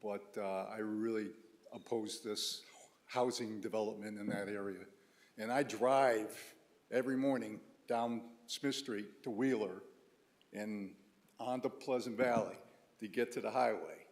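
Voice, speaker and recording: A man's voice: on the low side, steady tone, a little slow. A man giving a blunt, casual public comment at a town meeting. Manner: plain-spoken, casual, blunt. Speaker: resident speaking at public comment.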